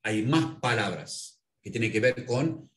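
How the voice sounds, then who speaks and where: A man teaching a language in an interview, patiently explaining and spelling out words slowly. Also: mid-range voice, animated, fairly bright tone, echoey room. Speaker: Arabic language instructor.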